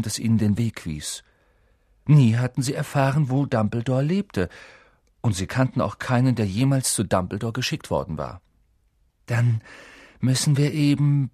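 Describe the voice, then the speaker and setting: A man narrating a storybook in a measured, expressive way. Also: medium pitch, breathy edge, no echo, studio quality. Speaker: audiobook narrator.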